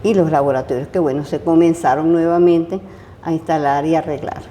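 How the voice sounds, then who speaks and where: An older woman with a Venezuelan accent, a retired chemistry professor recalling her years of teaching in an interview, pausing often with fillers and restarts. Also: deep voice, fairly even intonation, dark tone, slight background noise. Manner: hesitant, many fillers and restarts. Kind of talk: interview, casual recollection.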